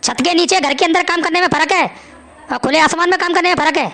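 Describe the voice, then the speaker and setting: A woman's voice: extremely high pitch, fast talker, sharp tone, heavily acted. A woman voicing a tired, grumpy working father in a cartoon who grumbles about his noisy household. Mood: grumbling. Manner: grumbling, complaining.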